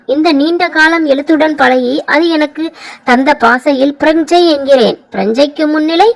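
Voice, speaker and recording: A woman giving a slow, measured audiobook reading of reflective literary prose. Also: high voice, vocal fry, rough recording. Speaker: reader of a literary essay.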